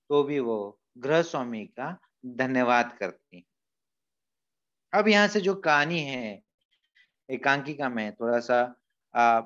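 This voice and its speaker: A man's voice: fairly high pitch, a bit bright, highs cut off. Man teaching a literature lesson. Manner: patient, retelling and explaining lines. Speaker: school teacher. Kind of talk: explaining a story in a class lesson.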